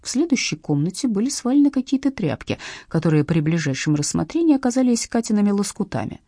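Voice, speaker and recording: A woman reading an audiobook aloud in an expressive, wry storytelling manner. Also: medium pitch, quick pace, husky, dry recording, clean studio sound. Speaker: audiobook narrator.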